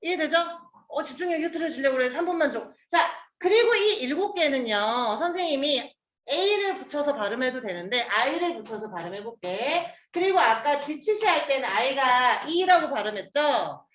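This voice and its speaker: A woman's voice: high voice, lively intonation, normal speed, a bit bright, roomy sound. A woman teacher giving a casual Chinese pronunciation lesson, chatty and coaxing, drilling sounds aloud with her students.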